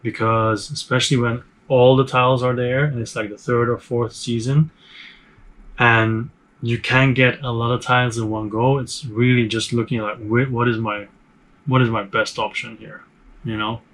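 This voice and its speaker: A man's voice: medium pitch, little pitch movement, normal speed, fairly bright tone, poor audio. A man hosting a board game review channel, talking casually to camera in a room full of game shelves, chatty and rambling, with many fillers and restarts.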